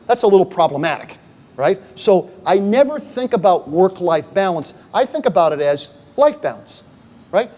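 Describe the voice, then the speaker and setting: A man's voice: high-pitched, darkish tone, big-room sound. A middle-aged man lecturing on leadership at a university symposium, talking conversationally and often checking in with "okay?" and "right?". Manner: poses rhetorical questions to the audience. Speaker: guest speaker on leadership. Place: university event room.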